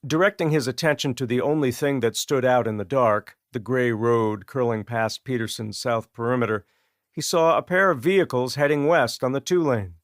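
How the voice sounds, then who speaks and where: This is scripted narration by a male audiobook reader who tells the story in an even, measured way. The pitch is medium, and the clean studio recording has no added ambience.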